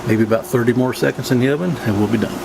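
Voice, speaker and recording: A man's voice: medium pitch, rapid-fire, vocal fry. A plain-spoken, folksy man casually narrating a home cooking demonstration in his kitchen. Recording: steady background room hum and noise.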